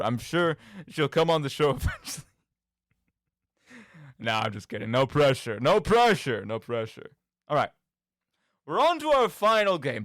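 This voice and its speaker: In a clean, echo-free studio, a podcast and radio host with a somewhat high voice rambles casually about video games. His delivery is animated and emphatic, and he keeps seeking agreement with a frequent "right?"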